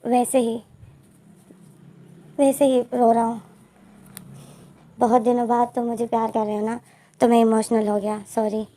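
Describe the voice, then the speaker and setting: Play a woman lending her voice to a gentle young lover in a storybook retelling who hides his hurt. He speaks softly and hesitantly, apologizing through tears. The voice stays fairly high and warm. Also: flat delivery, unhurried, pauses often, lightly acted. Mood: tender.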